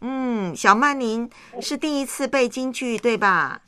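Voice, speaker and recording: A woman's voice: a little high, measured pace, pushed and bright, no echo. Woman host with a dry, close sound. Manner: coaxing, affectionate way of talking to children. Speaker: radio call-in host. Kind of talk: live chat with child callers.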